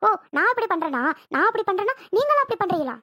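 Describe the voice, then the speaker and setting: A voice actor playing a sharp-tongued young bride in a homemade cartoon, speaking Tirunelveli Tamil. She taunts and orders people around. Her voice is very high and rattles along fast. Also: sing-song, no room sound, studio quality, heavily acted. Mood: scornful. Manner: taunting, bossy. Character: bossy new bride, sharp-tongued and rude. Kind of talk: cartoon voice acting.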